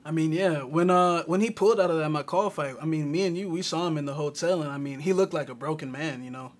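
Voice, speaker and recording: Laid-back higher-voiced male co-host. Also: fast. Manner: laid-back, lots of fillers like man and um. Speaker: podcast co-host. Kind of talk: casual sports betting talk.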